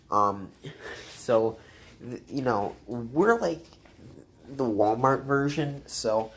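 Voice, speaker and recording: A young woman with a strikingly low voice tells a story for her vlog. She rambles, swears freely, and keeps restarting her sentences around fillers like "um" and "you know.". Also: a little hiss or hum. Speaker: vlogger.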